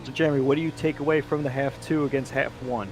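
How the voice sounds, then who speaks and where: A man commentating a sim racing broadcast, rattling off finishing results quickly. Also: mid-range voice, steady tone, over music. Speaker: race commentator.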